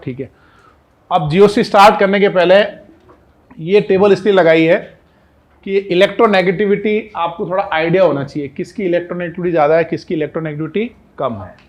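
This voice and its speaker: A male chemistry teacher with an Indian accent, giving a classroom lecture in a conversational, coaxing way and often putting questions to his students. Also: high-pitched.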